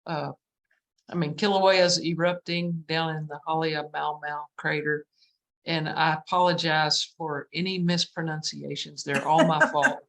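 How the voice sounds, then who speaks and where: A woman with a West Texas accent, a painter being interviewed over a video call, who talks in a self-deprecating way with halting restarts. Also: low-pitched, little pitch movement, low-quality recording. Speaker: guest painter. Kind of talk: casual interview chat.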